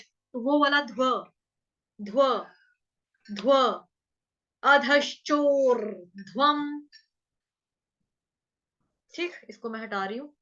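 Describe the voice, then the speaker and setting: A woman teaching verse pronunciation in an online class, patiently sounding out each syllable slowly. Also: sits high, sharp tone, highs cut off. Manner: patient, drawn-out syllable-by-syllable demonstration. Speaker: Sanskrit recitation teacher.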